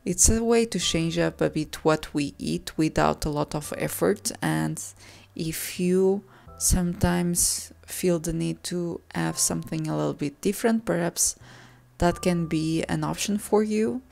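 A woman calmly narrating her home cooking video, soft and unhurried, sometimes correcting herself mid-sentence. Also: lowish voice, gravelly. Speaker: cooking vlogger. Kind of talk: calm voice-over narration. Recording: voice-over with soft background music.

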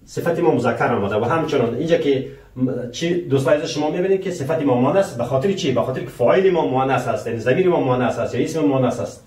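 Here a man of medium pitch and slightly mellow tone teaches French through Persian, explaining patiently and addressing his viewers as dear friends. He poses rhetorical questions to them throughout and enunciates each French example with slow care. He was recorded at a distance in an echoey room.

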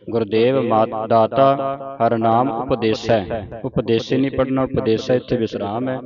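A man teaching correct recitation of scripture, with quick explanations between slowly recited verses. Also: medium pitch, muffled recording. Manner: quick instructive explanations, then slow drawn-out recited verses.

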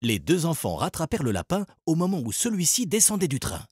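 A man narrating a children's story in an expressive, animated storytelling voice. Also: on the high side, fairly quick, husky, no echo, studio quality. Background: music.

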